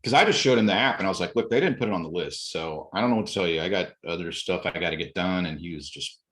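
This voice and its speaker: Low-pitched male podcast guest, animated anecdotes with voiced quotes. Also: fast. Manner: animated retelling, acts out quotes, occasional laughs. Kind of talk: casual storytelling.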